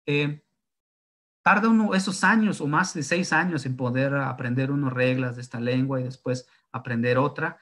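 A man's voice: mid-range voice, normal speed, a bit bright. Zapotec-native man explaining tones. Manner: thinks aloud with many fillers and tag questions. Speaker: linguist. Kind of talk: explanatory talk on writing tones.

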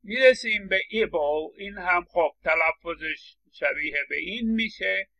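A man's voice: high-pitched, gravelly, sharp tone, poor audio. A middle-aged man lecturing on English phonetics, explaining patiently and stressing words as he repeats examples, with English words spoken. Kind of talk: recorded lecture.

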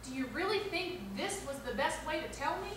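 An actress plays a young woman being courted, reluctant yet moved, her voice set high. She is heard far off in a very echoey theatre with loud room noise behind. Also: expressive, a little fast. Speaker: actor. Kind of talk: stage play acting.

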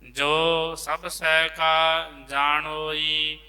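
A man teaching scripture recitation, singing the verses slowly and then quickly explaining how to pronounce them in a lower voice. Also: monotone, sharp tone, clean tone. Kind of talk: chanted scripture recitation lesson. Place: large temple hall. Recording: long reverb of a large hall.

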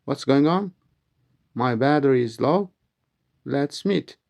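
In a language lesson, a man pronounces English phrases slowly and clearly, then explains what they mean. His mid-range voice is animated and slightly mellow.

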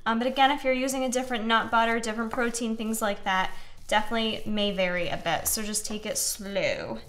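A woman's voice: on the high side, fairly even intonation, fairly quick, a bit bright. A young woman hosting a casual cooking show in her home kitchen, chatting and encouraging viewers as she mixes and cuts. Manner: chatty and encouraging, talks while mixing and cutting.

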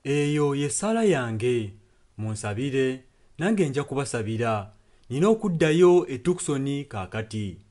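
Over background music, a Ugandan interpreter earnestly renders a sermon phrase by phrase. He sounds very animated in a mid-range, slightly mellow voice, keeping a measured pace.

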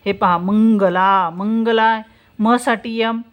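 A woman teaching spelling step by step, saying example words slowly and answering her own questions. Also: medium pitch, steady tone. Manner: slow, drawn-out pronunciation of example words, asks questions and answers them herself. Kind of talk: spelling lesson, explaining step by step.

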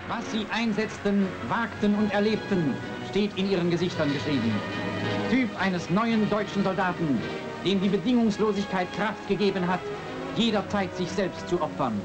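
A man's voice: high voice, normal speed, over loud music, rough recording. A man reading 1940s wartime newsreel narration in a solemn, stirring propaganda tone, as heard on an old newsreel soundtrack.

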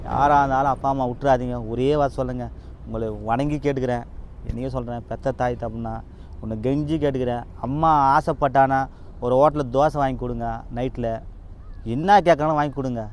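A man's voice: medium pitch, fairly even intonation, fast talker, slight background noise. A man, a used car dealer, making an earnest, pleading appeal straight to his viewers, repeating himself as he urges them on. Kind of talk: emotional direct-to-camera appeal.

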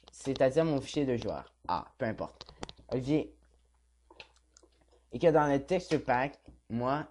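A man's voice: mid-range voice, a little mellow, a little hiss or hum. A young man with a Quebec French accent casually reads a chat log aloud as a gaming vlogger, mumbling and swearing offhand.

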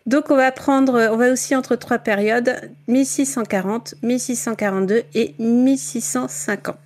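A woman's voice: a little high, fairly even intonation, normal speed. A woman talking casually in a book club, presenting a novel with many fillers and frequent laughter.

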